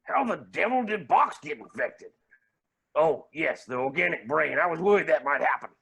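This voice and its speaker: A man's voice: on the high side, animated, normal speed, vocal fry, fairly bright tone, husky, full character voice. A man playing a scheming, gleeful villainous billionaire with theatrical, posh exclamations in a tabletop game. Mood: gloating.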